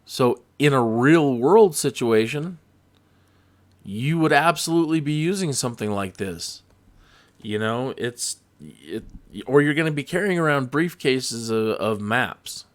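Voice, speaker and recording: A man's voice: mid-range voice, expressive, a little slow. A man hosting a flight simulator tutorial, talking in a casual, rambling, jokey and folksy way.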